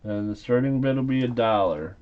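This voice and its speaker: A man's voice: mid-range voice, fairly quick, muffled recording. A man working as a casual, playful auctioneer, hosting a live auction and repeating bids and calls. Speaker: auctioneer and live stream host.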